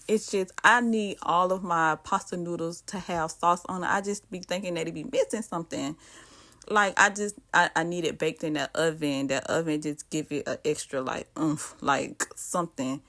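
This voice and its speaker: A woman from the American South with a Southern accent and a slightly low-pitched voice. She chats casually while cooking, speaking straight to her viewers with plenty of friendly asides. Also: fairly bright tone. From Southern United States. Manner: chatty, talks straight to viewers with frequent asides. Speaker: cooking vlogger.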